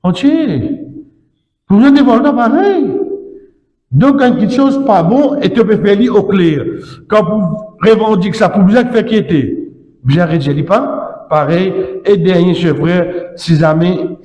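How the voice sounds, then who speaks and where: A man's voice: sits high, lively intonation, measured pace, darkish tone. A man giving an Islamic sermon as imam, emphatic and repetitive, with frequent tag words. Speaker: imam preacher. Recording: echoey hall with long reverb.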